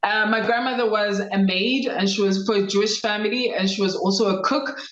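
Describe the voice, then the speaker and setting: A South African woman in her thirties, a lawyer telling her life story in a measured, reflective way. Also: mid-range voice, fairly even intonation, reverberant, lo-fi sound, a little hiss or hum. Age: 30s. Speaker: guest lawyer. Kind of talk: interview conversation.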